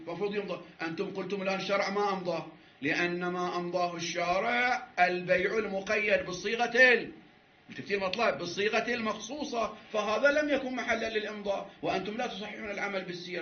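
A man's voice: sits high, steady tone, quick pace. A man teaching a seminary jurisprudence class, arguing his point and restarting phrases as he goes. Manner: argumentative, repeats and restarts, laughs at times. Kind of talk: jurisprudence class lecture with debate. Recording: echoey room, dull lo-fi sound.

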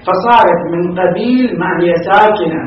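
High-voiced man teaching grammar. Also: moderate pace, a little hiss or hum. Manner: explanatory, with frequent restarts and self-corrections. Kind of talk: classroom lesson with discussion. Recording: echoey, distant, dull room recording.

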